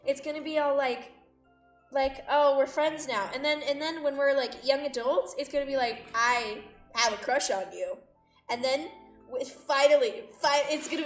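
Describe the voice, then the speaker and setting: A woman streams a visual novel live, chatting and reading it aloud with playful, over-the-top drama. Her voice sits high and a bit bright. The audio has a roomy echo from a distant mic, with music behind her.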